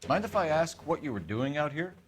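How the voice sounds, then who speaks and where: A methodical American police detective from a 1940s crime game. His delivery is formal and clipped, yet the pitch moves widely as he probes. Faint ambience sits behind him. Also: sing-song, brisk, a little hiss or hum. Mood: probing, formal. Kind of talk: acted crime drama dialogue.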